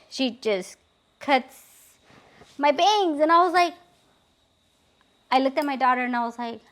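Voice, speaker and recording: A woman's voice: on the high side, gravelly. A middle-aged woman vlogger telling a story casually, chatty and exasperated, full of "like" and "literally". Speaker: beauty vlogger.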